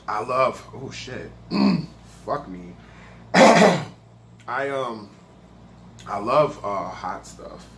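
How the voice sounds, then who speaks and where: A man's voice: medium pitch, fairly bright tone, slight background noise. A man casually reviewing a spicy snack on his own video channel, talking loosely and swearing a lot. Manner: profane, laid-back, chatty. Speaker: food reaction vlogger.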